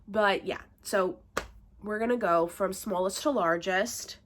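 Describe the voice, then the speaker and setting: A woman's voice: medium pitch, measured pace, a little hiss or hum. A young woman vlogging casually, showing off her collection in a chatty, gushing way with lots of fillers. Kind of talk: casual show-and-tell haul video.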